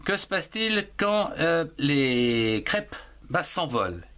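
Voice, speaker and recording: Slow, deliberate man spelling out words. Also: a little high, big pitch swings, pushed and bright, clean tone. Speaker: primary school French teacher. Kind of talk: slow dictation lesson, spelling words aloud letter by letter.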